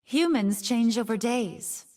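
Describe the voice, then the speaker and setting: High, expressive fox spirit Ahri. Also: female voice, takes it slowly, recorded from a distance. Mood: wistful, resolute. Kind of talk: game character voice lines.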